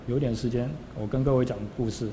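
A man's voice: medium pitch, steady tone, quick pace, mellow. A man, a Buddhist monk, giving a storytelling sermon, acting out scenes with sudden rises and drops in his voice. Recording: long hall reverb with faint background noise.

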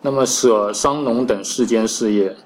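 A Buddhist monk gives a Dharma lecture. He recites each passage slowly, then explains it, with many "ah" fillers. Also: medium pitch, a little mellow, rough recording. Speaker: Buddhist monk teaching scripture.

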